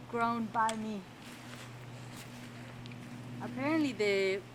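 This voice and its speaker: A woman in her forties, originally from El Salvador and a native Spanish speaker, walks from room to room in her house as she's interviewed. She speaks casually in a mid-range voice, with many fillers and restarts, amid background noise, echo, and faint ambience.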